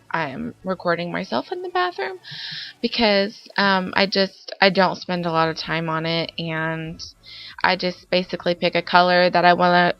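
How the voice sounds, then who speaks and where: With a lowish voice and some vocal fry, this Sims building YouTuber rambles through a voice-over of her game build. She's a young woman with a summer cold, chatty and full of fillers. The audio is dull and lo-fi, and background music plays faintly.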